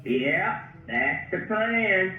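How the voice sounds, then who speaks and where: A man, talking casually over a phone on speaker, halting with many pauses and restarts. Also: high-pitched, lively intonation, distant mic, soft background music. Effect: heard over a phone on speaker. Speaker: customer on a phone call. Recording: tinny speakerphone from across an echoey room.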